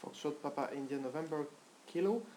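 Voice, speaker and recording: An air traffic controller reads out clearances and instructions in standard radio phraseology. The phrasing is orderly and procedural. The sound is roomy and echoing, with some noise behind it. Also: mid-range voice, brisk, dark tone. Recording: echoey with background noise.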